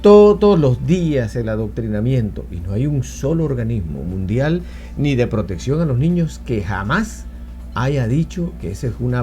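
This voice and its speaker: A man of middling pitch talks with a lot of lift and fall in his voice, commenting hotly and pushing his opinions. There is faint music under him. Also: dark tone. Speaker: host. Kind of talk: political commentary.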